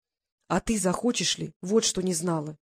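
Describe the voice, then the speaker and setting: A reader voicing a tender, earnest young woman in love, asking gentle, anxious questions in a Russian audiobook. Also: medium pitch, moderate pace, gravelly, slightly rough.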